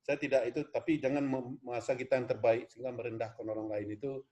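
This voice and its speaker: A man's voice: medium pitch, level tone, fast talker, darkish tone. A man from West Sumatra, lecturing in an online class, earnest and rambling, often addressing students as "Pak". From West Sumatra, Indonesia. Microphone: video call.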